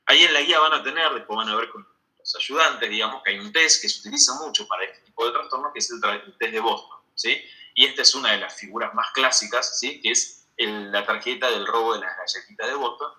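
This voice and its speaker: A man lectures medical students in an online class. His voice is very bright and sharp, and he keeps checking understanding with a quick "¿sí?" as he explains each point. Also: medium pitch, rough recording.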